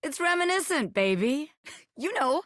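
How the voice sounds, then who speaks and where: A woman's voice: sits high, very animated, measured pace, fairly bright tone, no room sound, studio quality, exaggerated voice. A woman voicing a brash living bobby pin in a video game, a playful wannabe gangster who talks in cocky, teasing street slang. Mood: swaggering, boastful. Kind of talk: video game character voice acting.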